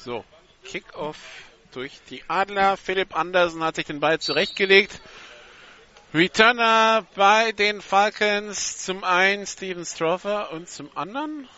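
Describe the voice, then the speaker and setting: A man calling an American football game live for radio in brisk play-by-play from a stadium press box. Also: high voice. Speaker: play-by-play commentator. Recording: dull sound with stadium music. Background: loud stadium music.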